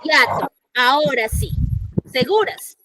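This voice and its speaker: A secondary school language teacher, a woman, runs an online lesson over a computer mic, quizzing students and repeating the key points. Her voice sits high and is expressive, her pace is slow, and the background is noisy.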